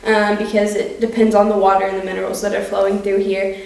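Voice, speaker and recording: A woman's voice: medium pitch, level tone, fast, creaky, a little mellow. A woman working as a cave guide, giving an informal tour commentary that echoes around the cave. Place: inside a cave. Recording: very echoey cave, distant mic, faint noise.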